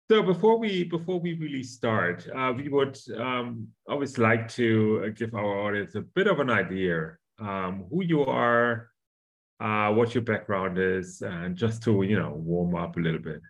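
A man's voice: fairly low pitch, measured pace. A man hosting a podcast in a chatty, jokey way, laughing between lines. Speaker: podcast host.

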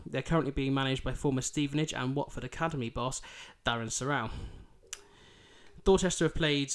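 A man hosts a football podcast fixture preview that mixes scripted parts with casual chat, delivered informally in a brisk, mid-range voice. He comes from Bridlington, East Yorkshire, England, and has a thick Yorkshire accent.

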